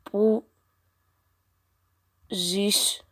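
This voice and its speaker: Playful gaming host, dry close sound. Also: female voice, mid-range voice, fairly even intonation, no room sound. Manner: playful, teasing, exasperated asides. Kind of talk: casual chat while reading out a chatbot's replies.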